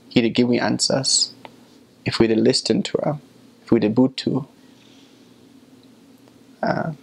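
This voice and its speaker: A man in his twenties speaking Sierra Leone Krio creole, giving an earnest religious testimony in a measured way with pauses. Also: mid-range voice, vocal fry. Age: 20s. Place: small furnished room indoors, by a window.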